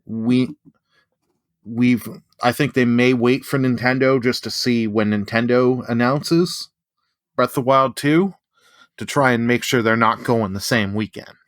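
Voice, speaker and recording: A man's voice: mid-range voice, steady tone, measured pace, no room sound, clean studio sound. A man, a podcast guest, talking casually and rambling with frequent restarts. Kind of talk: casual chat.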